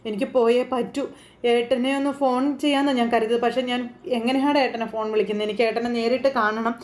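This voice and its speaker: A woman's voice: on the high side, steady tone, fast, a little mellow, close to an everyday voice. A woman voicing a grieving middle-aged woman who pleads tearfully to see her brother. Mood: distraught pleading.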